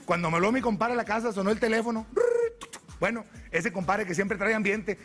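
Comic, raunchy storyteller, high-pitched. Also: male voice, a bit bright. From northern Mexico. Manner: crude, rapid storytelling. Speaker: stand-up comedian. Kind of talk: stand-up comedy.

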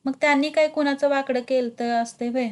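A woman's voice: sits high, fairly even intonation, a little fast, close to an everyday voice. A woman reading the part of a young village farmer in grief, plaintive in tone. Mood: grieving. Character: young male farmer, grieving and anxious.

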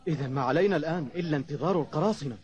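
A man voicing a watchful, dutiful village guard in a cartoon, with brisk, formal, earnest delivery. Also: fairly high pitch, a little mellow, lightly acted. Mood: respectful. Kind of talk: cartoon voice acting. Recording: muffled, noisy old cartoon soundtrack.

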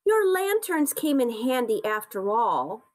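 A kind, wise mother deer from a children's storybook, calm and patient, read by a woman. She explains things slowly and gently. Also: fairly high pitch, voice pushed up.

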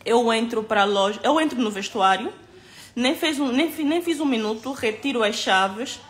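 A woman's voice: fairly high pitch, animated, normal speed. A woman recounting an incident to camera in casual storytelling, emphatic and hesitant, with many asides.

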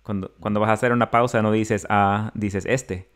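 Male podcast co-host, lowish voice, chatty storyteller who acts out the people he quotes. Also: little pitch movement, fast talker, clear, resonant tone. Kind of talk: casual chat.

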